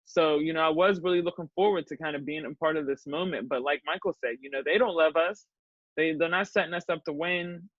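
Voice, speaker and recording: A woman's voice: deep voice, a little fast, no echo, dull audio. A woman from Pittsburgh, a newspaper journalist, speaking earnestly and emphatically in a panel discussion, often repeating words as she builds a point.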